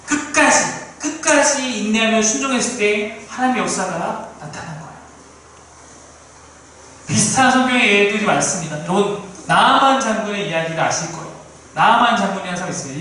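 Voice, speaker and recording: High-voiced preaching man, echoey room. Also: recorded from a distance, a little hiss or hum. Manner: animated preaching, acting out quoted voices. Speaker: pastor. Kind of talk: sermon. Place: small church sanctuary. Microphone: distant room mic. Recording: echoey room recorded from afar.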